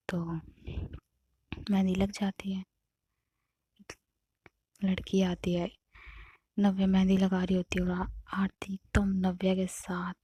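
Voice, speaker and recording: A woman narrating a love story in a relaxed, casual way, her voice mellow and a touch breathy. She often sinks into a near whisper. The sound is close and completely dry. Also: lowish voice, no echo. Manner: often drops to a soft whisper.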